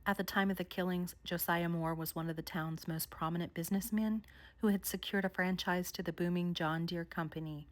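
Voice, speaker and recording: A woman vlogger narrating a countdown of haunted places in a measured storytelling way. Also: on the low side, steady tone. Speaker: paranormal vlogger. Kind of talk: scripted narration.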